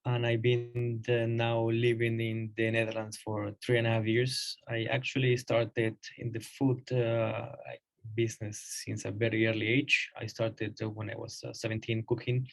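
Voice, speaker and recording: A man's voice: medium pitch, completely flat delivery, moderate pace, gravelly. Hesitant Colombian man in his thirties. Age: 30s. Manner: hesitant, many fillers. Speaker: guest speaker. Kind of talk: presentation.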